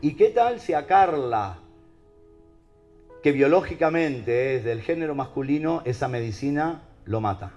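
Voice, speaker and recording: Animated Rioplatense preacher, lively pitch. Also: male voice, measured pace, dull audio, soft background music. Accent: Rioplatense Spanish. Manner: animated, rhetorical questions to the audience. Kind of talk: preaching talk.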